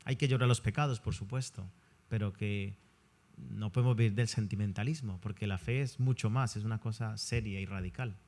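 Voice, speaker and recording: Measured male priest. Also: lowish voice, darkish tone. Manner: measured, thoughtful, pauses with fillers. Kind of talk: conversational discussion.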